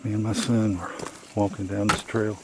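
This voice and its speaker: A middle-aged man walking a forest trail, out of breath, who often drops his voice to a hush as he talks to a handheld camera. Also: on the low side, fairly even intonation, moderate pace, background noise. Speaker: vlogger on a woods hike. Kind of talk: casual walking vlog.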